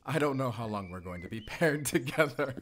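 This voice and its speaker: Speaking at a brisk clip in a medium-pitched, animated voice close to his everyday one, a male voice actor plays a confident, protective German wolf hunter with a wry, playful streak. He teases his companion conversationally in this cinematic roleplay. A little hiss or hum runs under the recording.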